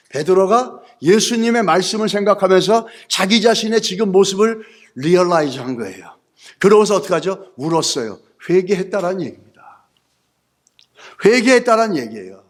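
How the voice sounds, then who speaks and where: A male pastor preaching a sermon, posing rhetorical questions to the congregation and mixing in English words. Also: high-pitched.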